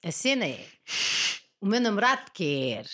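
A young woman speaks at a middle pitch in a casual, candid interview. Her way of talking is blunt and full of slang, and she readily puts herself down. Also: very animated, unhurried, a bit bright. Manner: blunt, slangy, self-deprecating. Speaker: podcast guest, stand-up comedian.

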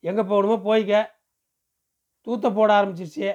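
A man's voice: high voice, fairly even intonation, moderate pace, a little mellow, lo-fi sound, close to an everyday voice. A man voicing a pushy, talkative middle-aged village man who fires off questions in rural speech in an audiobook. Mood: pressing, coaxing. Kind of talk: audiobook character voice.

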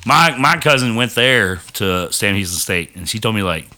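Young guy with a low, bright voice, rambling and profane in casual chat. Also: lively intonation, moderate pace. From Texas. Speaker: podcast guest.

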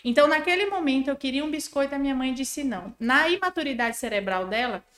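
On a podcast, a woman appearing as a guest parenting expert lays out parenting advice step by step. She's animated, acting out both the child's and the parent's voices. She speaks fast in a high voice, and the sound is reverberant.

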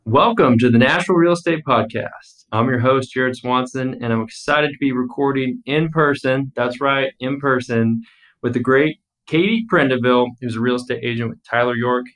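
A man's voice: mid-range voice, moderate pace, a bit bright, low-quality recording. An American man hosting a podcast, introducing the episode and interviewing a guest. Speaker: podcast host.

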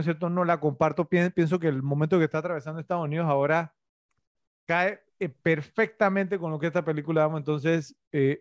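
A man's voice: on the high side, no echo, studio quality. A middle-aged man co-hosting a casual film-review podcast, rambling and full of tag questions. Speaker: podcast co-host.

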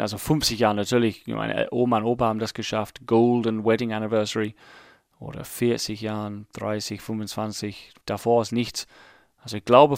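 This English podcast host in his late thirties has a gravelly, fairly low voice, captured in a clean studio with no room sound. English is his first language, yet he runs his relaxed solo show in German with an English accent, wandering through his thoughts and teasing himself along the way.

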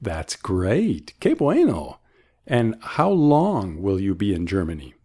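A man's voice: on the low side, huge pitch swings, takes it slowly, darkish tone, breathy edge. A man hosting a bilingual English lesson, patiently modelling phrases and repeating them for practice. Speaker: English teacher and host.

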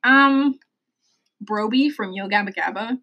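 A woman's voice: medium pitch, measured pace, lo-fi sound. A young woman co-hosting a podcast in casual chat, teasing her friend in a dry, bossy way. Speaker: podcast co-host.

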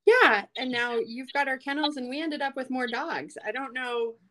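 A woman's voice: high-pitched, moderate pace, a bit bright, rough recording. A woman in her forties, a podcast guest who runs a small business, talking in a cheerful, chatty way with frequent fillers. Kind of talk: casual podcast interview.

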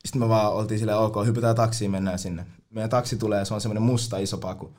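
A man's voice: lowish voice, fairly even intonation, a little mellow. A young man telling party stories in casual chat, full of slang and swearing, often mimicking other people.

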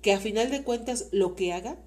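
A woman's voice: medium pitch, fairly quick, darkish tone. A woman with a Mexican accent, a mother talking with her son in an interview, earnest and faith-filled, rambling with many fillers. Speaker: interview guest, mother of the host. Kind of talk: casual heartfelt conversation.

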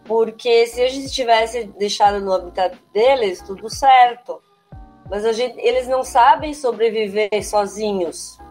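Female author-teacher, relaxed interview talk, fairly high pitch, soft music bed. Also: a little slow. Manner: chatty, frequent tag questions. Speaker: children's book author and teacher. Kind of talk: casual interview answers.

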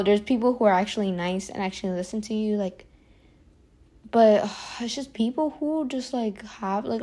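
A young woman chatting to her camera in a loose, confessional vlog. She rambles and restarts, fills every gap with "like", sighs now and then, and keeps her voice at an ordinary middle pitch that sometimes sinks quieter and slower. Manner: rambling, heavy use of "like", frequent sighs and restarts; often drops to a quieter, slower voice. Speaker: vlogger. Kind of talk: casual confessional monologue to camera.

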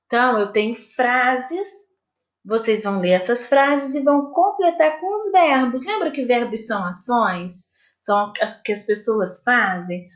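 A woman teacher from Brazil with a Brazilian Portuguese accent, giving a recorded lesson to children in a slow, patient, sing-song questioning way. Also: on the high side. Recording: echoey room.

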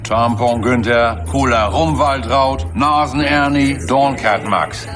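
A man's voice: medium pitch, takes it slowly, natural voice. An actor playing a male pub regular in film dialogue. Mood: matter-of-fact. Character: male pub regular rattling off drinkers' nicknames. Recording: music under film clip.

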